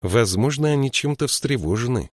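A man reading the part of a small, calm troll in an audiobook, measured and matter-of-fact. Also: medium pitch, dry recording, clean studio sound, voice pushed up, natural voice. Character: small wise male troll, calm and practical.

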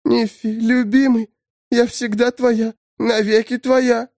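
A man reading an audiobook, voicing a dazed, clingy undead young woman in a creaky, whining tone. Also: very high voice, flat delivery, takes it slowly, darkish tone, no echo, studio quality, voice pushed up, exaggerated voice. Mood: plaintive. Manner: whining, plaintive.

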